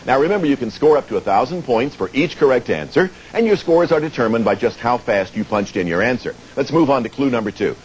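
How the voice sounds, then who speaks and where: A man's voice: mid-range voice, lively intonation, fast talker, few pauses, slight background noise, poor audio. An American man hosting a TV game show, presenting to players and viewers and explaining things step by step. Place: TV studio.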